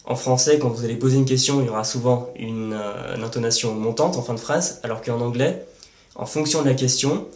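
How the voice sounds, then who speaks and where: A man's voice: medium pitch, fairly quick, darkish tone, echoey room. A man hosting a language-learning lesson, explaining step by step with worked examples and frequent hesitation fillers. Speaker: language-learning channel host.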